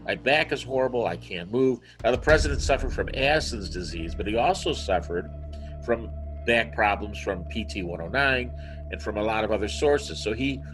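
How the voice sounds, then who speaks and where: A man's voice: fairly low pitch, normal speed, music in the background, poor audio. A man who is a guest author, telling a story animatedly over a video call. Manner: animated storyteller, acts out quotes. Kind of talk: conversational storytelling.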